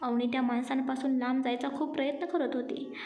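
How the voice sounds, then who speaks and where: A woman narrating a dramatic audio story in a steady storytelling manner. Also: sits high, a little fast. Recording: echoey room with faint music.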